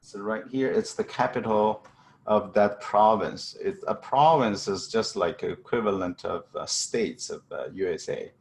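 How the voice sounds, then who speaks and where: Slow, deep-voiced man with a Chinese accent. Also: creaky, slight background noise. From China. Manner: halting, many fillers and restarts. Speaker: guest speaker. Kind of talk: seminar talk over video call. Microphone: video call.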